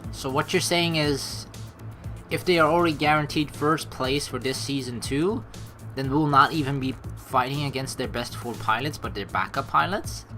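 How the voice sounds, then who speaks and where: Over the game's background music, a let's play streamer offers rambling, emphatic commentary, reads text from the game aloud and occasionally swears. He speaks at a normal pace in a medium-pitched voice with a bright, forceful tone.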